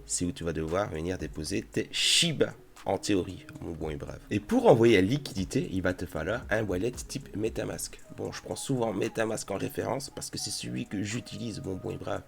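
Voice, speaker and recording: A man's voice: lowish voice, creaky. A man talking casually through a crypto tutorial, addressing the viewer in a chummy way. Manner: chatty, addresses viewer familiarly. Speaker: crypto YouTuber.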